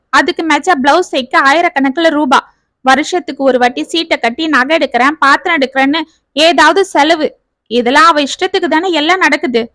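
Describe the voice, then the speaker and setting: Woman playing a bitter middle-aged father, scolding, ranting, high voice, storybook reading, dry close sound. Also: bright, forceful tone, dry recording.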